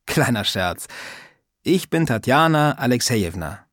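A man's voice: mid-range voice, very animated, measured pace, fairly bright tone, dry recording, clean studio sound. A man reading an audiobook, voicing an old, talkative, insistent female neighbor in a raised, mock-polite voice. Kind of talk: audiobook character voice.

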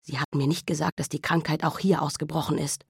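A woman reading an audiobook voices a young male army officer who speaks quietly with a trembling voice. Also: low voice, steady tone, quick pace, breathy edge, no room sound, studio quality, heavily acted. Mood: grave.

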